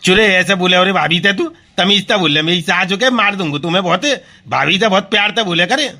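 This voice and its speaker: A man's voice: high-pitched, brisk, sharp tone, voice pushed down, exaggerated voice. A performer voicing a swaggering village snake-catcher man who talks bossy and blustering in rural dialect.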